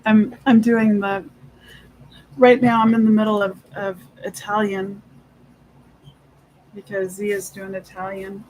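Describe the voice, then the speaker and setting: An unhurried speaker with a mid-pitched voice chats casually, switching between English and Spanish. The delivery is halting and often trails off mid-thought, with a little background noise. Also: flat delivery, a little mellow, poor audio. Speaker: livestream host of an inking session. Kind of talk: casual chat.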